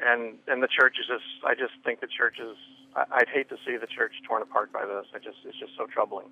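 Over a thin, tinny phone connection, a male caller talks in a mid-pitched voice. He is hesitant and troubled, circling back over his own words as he talks to a radio host. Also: fairly even intonation, husky, dry recording. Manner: halting, troubled, repeating himself. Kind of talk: hesitant conversational call. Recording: narrow, tinny phone line.

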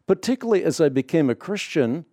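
Male call-in host, mellow dark tone, dry studio sound, firm and measured. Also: fairly high pitch, very animated, dry recording. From Netherlands. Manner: measured, firm, repeatedly interjecting. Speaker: radio show host. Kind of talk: call-in radio talk. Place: radio studio. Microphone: studio microphone.

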